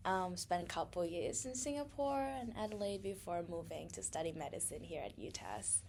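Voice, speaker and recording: A woman's voice: on the low side, lively intonation, moderate pace, darkish tone, slight background noise. A young woman from Thailand co-hosting a casual podcast, chatty and laughing often, with many fillers. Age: young adult. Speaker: podcast co-host.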